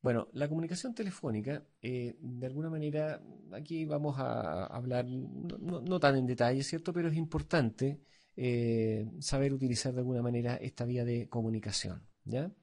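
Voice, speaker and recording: A man with a Chilean accent lecturing as an instructor, halting and full of fillers and tag questions. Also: medium pitch, darkish tone. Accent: Chilean Spanish. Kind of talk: recorded lecture.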